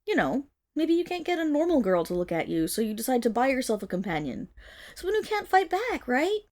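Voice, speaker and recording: In a dramatic ASMR roleplay, a woman voices a haughty, indignant young wolf monstergirl of noble birth, speaking scornfully and disdainfully straight to the listener. Her voice is high, very animated, a little fast and a little mellow.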